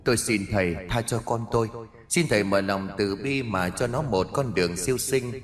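A man voicing a dignified ghost mother of a noble house, speaking softly and pleadingly. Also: on the low side, expressive, normal speed. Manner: soft, pleading.

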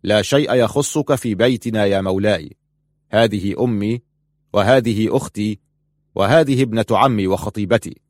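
A man's voice: fairly low pitch, fairly quick, long pauses, no room sound, studio quality, natural voice. A man voicing a defiant young man who speaks firmly to protect his family. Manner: firm and resolute.

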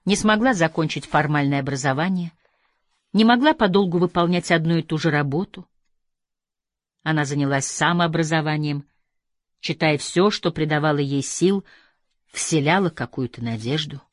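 A man reading an audiobook aloud in a measured, steady scripted narration. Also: fairly high pitch, no room sound, studio quality. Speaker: audiobook reader.

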